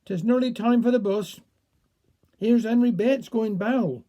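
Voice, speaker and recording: A man's voice: very high-pitched, dark tone. A man doing a drawling old Cornish countryman. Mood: grumbling. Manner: slow drawling dialect.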